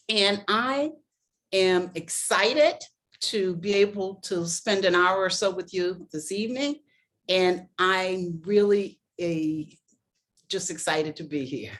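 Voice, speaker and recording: An older woman from Boston, a life coach speaking as an interview guest, earnest and grateful in a measured way. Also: lowish voice, a bit bright. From Boston, East Coast.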